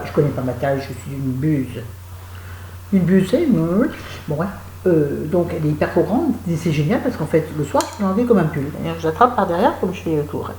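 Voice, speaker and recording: A low-pitched woman talks casually to her viewers from home, chatty and self-mocking, wandering from thought to thought. Her voice sits deep for a woman, the room adds a noticeable echo, and a faint hum of ambience runs underneath. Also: dark tone. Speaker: vlogger. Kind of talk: casual chat to camera.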